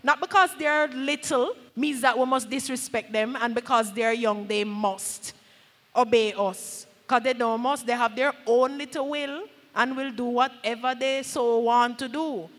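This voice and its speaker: Preaching at the pulpit of a big church hall, a Jamaican-accented pastor in her thirties speaks emphatically but conversationally, drifting into Patois as she holds a handheld mic. She's on the high side, fairly even in intonation, unhurried and a bit bright, with echoey PA sound.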